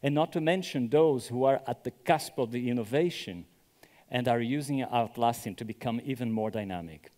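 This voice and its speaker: Speaking at a conference venue, this Brazilian presenter has a warm, medium-pitched voice and a moderate pace. His manner is conversational, and he keeps asking listeners "right?" as the hall's reverb echoes around him.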